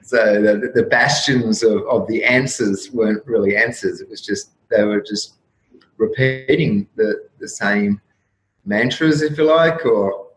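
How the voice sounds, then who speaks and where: A man in his fifties, a guest on an interview show, musing in a rambling, reflective way with frequent restarts and soft laughs. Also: lowish voice, unhurried, soft background music. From Australia. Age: 50s. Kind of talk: casual interview talk. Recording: roomy echo with faint room noise.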